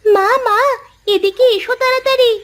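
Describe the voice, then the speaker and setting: A woman voicing an eager, excited little village girl in a cartoon, calling out to her parents. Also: very high voice, moderate pace, voice pushed up. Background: faint music.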